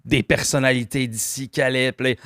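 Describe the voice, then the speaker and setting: A man's voice: mid-range voice, steady tone, moderate pace, a bit bright, no echo, clean studio sound. A man with a Québécois French accent co-hosting a podcast in a chatty way. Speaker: podcast co-host. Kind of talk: casual podcast chat.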